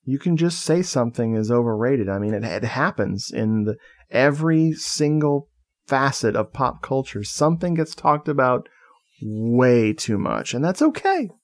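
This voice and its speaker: A man's voice: medium pitch, very animated, moderate pace. A man co-hosting a podcast, chatting casually in a loose, joking way and swearing freely. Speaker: podcast co-host. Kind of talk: casual chat.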